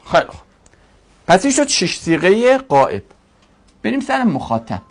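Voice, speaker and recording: A man teaching a grammar lesson to a class, drawing out each word form slowly and asking questions he then answers himself. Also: sits high, wildly swooping pitch. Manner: drills word forms slowly, stretching each syllable.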